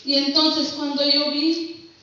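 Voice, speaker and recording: A woman giving a personal religious testimony in church, telling it haltingly with many restarts and repeats. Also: high-pitched, little pitch movement, pushed and bright, muffled recording. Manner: halting, repetitive storytelling with restarts. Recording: very echoey room, mic far off.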